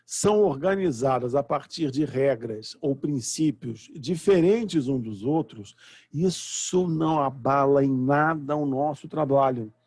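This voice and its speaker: A man's voice: a little high, darkish tone, slightly rough, no echo. A middle-aged Brazilian man with a Brazilian Portuguese accent, teaching a live online university lecture from home, explaining patiently and often checking that students follow.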